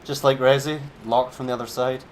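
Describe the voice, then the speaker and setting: A man's voice: medium pitch, flat delivery, fairly quick, slight background noise. A man streaming a game, giving laid-back, chatty commentary with a wry edge. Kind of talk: casual gameplay commentary.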